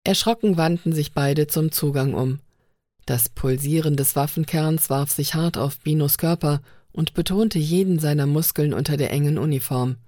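A woman narrating an audiobook in steady, even storytelling. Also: low-pitched, normal speed, no echo, studio quality.

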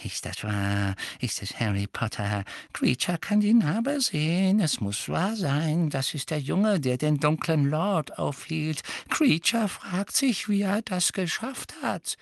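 A man voicing a bitter old male house-elf servant who mutters insults under his breath in a high, thin voice. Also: very animated, slow pace, gravelly, few pauses, no room sound, clean studio sound, exaggerated voice. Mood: muttering spite. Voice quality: muttering, wheedling, high and far-off. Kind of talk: audiobook character voice.

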